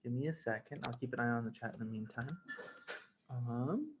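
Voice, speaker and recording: A man from Lebanon hosts an online case session over a video call, chatting casually. He sounds upbeat and enthusiastic, with playful bursts of excitement between calmer stretches. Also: medium pitch, fairly quick, noisy background. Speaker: host.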